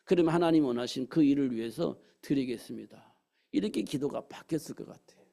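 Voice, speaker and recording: A man's voice: medium pitch, fast, vocal fry, mellow. A man preaching a sermon in a church, often asking the congregation rhetorical questions. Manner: preaches with rhetorical questions and acted quotes of God's words. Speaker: pastor. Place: church sanctuary.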